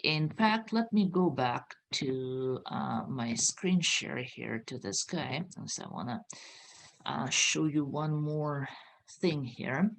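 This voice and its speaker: A woman's voice: very deep voice, expressive, slow pace, vocal fry. A woman host explaining a topic on a video call, earnest and hesitant with many fillers.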